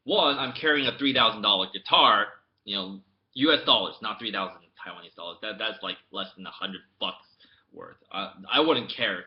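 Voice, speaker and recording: This young native-English-speaking American vlogger chats to camera through a laptop webcam mic, telling a rambling story full of restarts that lurches between mumbles and loud bursts. He speaks on the low side at a moderate pace, and the highs are cut off.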